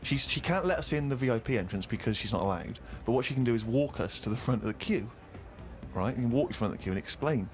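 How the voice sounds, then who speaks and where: A man's voice: mid-range voice, expressive, fast. A man, a podcast co-host, telling a self-deprecating comic story and acting out other people's lines.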